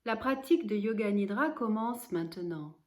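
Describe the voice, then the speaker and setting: Speaking at a medium pitch, this yoga nidra instructor leads a guided relaxation. She gives calm, measured directions and leaves pauses.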